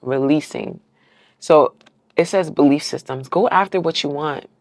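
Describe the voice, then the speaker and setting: This tarot reader has a deep voice and a measured pace, recorded with no echo. She's doing a casual collective reading for her viewers, encouraging and affirming them, checking in often with "right?" Her words are heartfelt, and at times she's close to tears.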